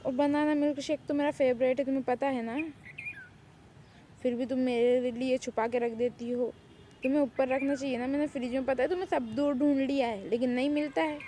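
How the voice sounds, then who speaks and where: A woman's voice: high-pitched, fairly even intonation, warm tone, slight background noise, natural voice. A woman voicing a sulky, childlike young man who pouts and complains, in an amateur fan drama. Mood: whiny. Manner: whiny, pouting, complaining.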